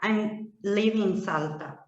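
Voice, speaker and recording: A woman in her thirties from Argentina, a language student giving a classroom presentation. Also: mid-range voice. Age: 30s. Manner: reading aloud slowly and carefully. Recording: echoey muffled room.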